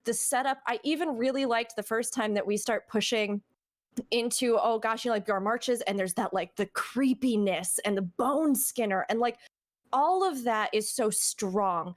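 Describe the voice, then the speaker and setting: Casting: higher-voiced woman, chatty streamer host, animated and rambling. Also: normal speed. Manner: animated, chatty, lots of fillers and asides. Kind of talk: casual podcast discussion.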